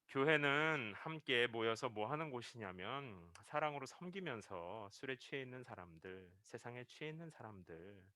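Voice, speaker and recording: A man's voice: medium pitch, pushed and bright, no room sound. A male pastor preaching a Sunday sermon, telling a story and acting out the quoted lines as he builds to emphatic peaks.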